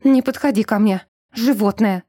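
A woman voicing a stubborn young woman turning into a vampire, sharp and defiant, in an audiobook. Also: medium pitch, moderate pace, dry recording, studio quality, natural voice. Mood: furious.

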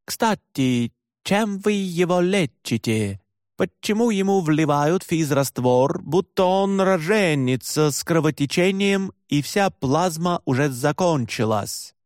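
A stubborn young Finn who speaks slowly and deliberately, working hard at each sound, as a man voices him in an audiobook. He pitches slightly higher than the narration. The voice is dry and close to the mic. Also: expressive, darkish tone, no echo. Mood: insistent. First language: Finnish. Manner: slow, carefully articulated, stubborn. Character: stubborn young Finnish man, careful Russian.

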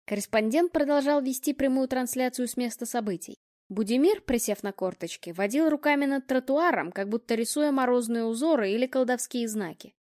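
A woman with a fairly high voice reads a novel aloud in a measured, even way. Her delivery is scripted storytelling, close to the microphone. The sound is dry, with no room around it. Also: dry recording. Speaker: audiobook narrator. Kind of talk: scripted narration.

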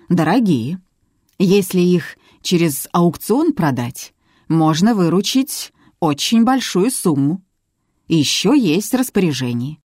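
A woman reading as a calm male lawyer. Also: on the low side, breathy edge, no echo, studio quality, full character voice. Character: measured middle-aged male lawyer.

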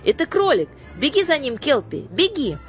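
A woman reading aloud who voices a frightened girl, pleading in a trembling, high voice. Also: very animated, moderate pace, soft background music. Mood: shrill.

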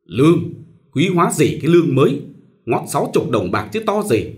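A man's voice: medium pitch, big pitch swings, a little fast, close to an everyday voice. A man voicing an angry, domineering older woman who scolds harshly in a storybook reading. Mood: scornful. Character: angry domineering old mother-in-law, sharp-tongued.

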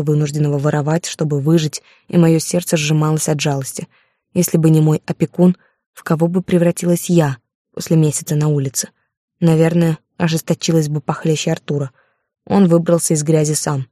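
A woman's voice: low-pitched, flat delivery, brisk, warm tone, dry recording, clean studio sound. A woman narrating a first-person audiobook with a dramatic, emotional reading.

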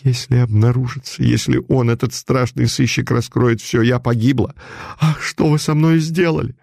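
A man putting on a hoarse frightened noblewoman. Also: mid-range voice, steady tone, normal speed, a little mellow, dry recording, studio quality, voice pushed up. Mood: desperate. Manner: desperate, pleading. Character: husky frightened noblewoman, young adult.

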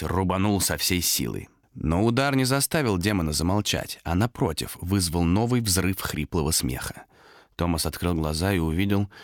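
A man reading a scary story aloud as narrator, dramatic and expressive. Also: deep voice, dry recording, studio quality. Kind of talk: audiobook narration of a horror tale.

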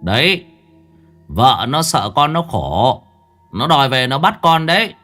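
A man's voice: medium pitch, very animated, measured pace, sharp tone, soft background music, pitched above the performer's own voice. A man voicing a stern male spirit medium who scolds the family and questions a ghost. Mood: scolding. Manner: scolding, brusque.

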